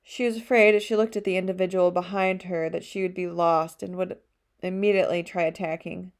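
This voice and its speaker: A woman narrating an audiobook chapter with a steady storytelling delivery. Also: lowish voice, fairly quick. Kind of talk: scripted narration.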